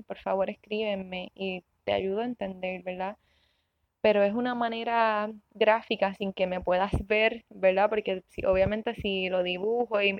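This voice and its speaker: A woman's voice: mid-range voice, no room sound. A woman in her thirties hosting a self-help podcast in a chatty, earnest way, often checking in with the listener and laughing. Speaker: podcast host. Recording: dull dry recording.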